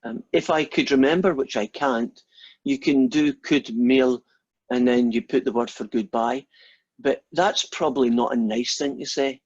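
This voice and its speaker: A Scottish maths lecturer whose first language is Scots speaks in a husky, mid-range voice. During an informal class he drifts off topic into rambling, self-deprecating stories. The recording is muffled but has no echo.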